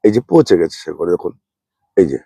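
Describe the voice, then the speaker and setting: A man, unwell, giving a slow, plain, repetitive gardening demonstration as a channel host. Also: low-pitched, big pitch swings, vocal fry, mellow, husky, no echo, clean studio sound. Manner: speaks slowly and plainly, repeating points.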